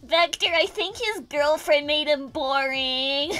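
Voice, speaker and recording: Woman voicing a squeaky, excitable little bee boy. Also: takes it slowly, faint music behind, full character voice. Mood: teasing. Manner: childlike, whiny, eager. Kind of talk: improvised in-character gaming banter.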